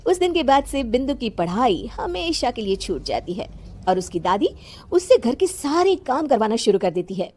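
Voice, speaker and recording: A woman's voice: fairly high pitch, big pitch swings, normal speed, darkish tone. A woman narrating a scripted moral story as a storyteller.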